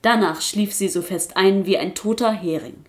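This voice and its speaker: A woman narrating a storybook for children in an expressive reading voice. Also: mid-range voice, moderate pace.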